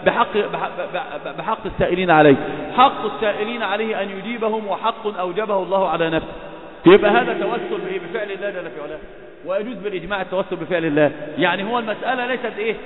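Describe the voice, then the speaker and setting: Rapid high-voiced preacher in an echoey hall. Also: male voice, a crowd in the background. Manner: rapid, emphatic, rhetorical questions. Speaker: Islamic preacher. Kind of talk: sermon. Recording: echoey hall, phone-like lo-fi sound.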